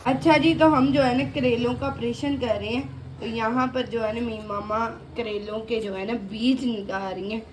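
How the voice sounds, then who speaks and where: A woman with a sore, hoarse voice hosts a casual home cooking video and chats on, looping back to the same filler phrase. She is recorded in a home kitchen, with dishes, pots and cutlery clattering clearly in the background. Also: on the high side, steady tone, moderate pace, noisy background. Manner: chatty, repeats "jo hai na" often. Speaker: cooking channel host.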